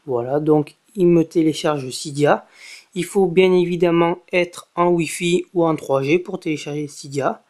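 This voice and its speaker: A man's voice: on the high side, a little slow, a little mellow. A man narrating a casual tech tutorial, hesitating often with fillers and saying "voilà" after each step. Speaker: tech blogger giving a tutorial.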